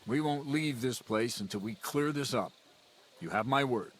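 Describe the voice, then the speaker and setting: A man's voice: medium pitch, moderate pace, slight background noise, natural voice. A man voicing a blunt, common-born commander in a game who swears freely and gives orders. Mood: earnest.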